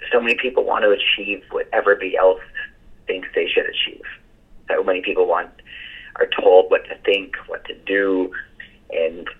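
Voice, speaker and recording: Hoarse deep-voiced man over the phone. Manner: earnest, with fillers and restarts. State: hoarse, has lost his voice. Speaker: senior partner. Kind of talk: casual motivational reply. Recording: tinny phone line.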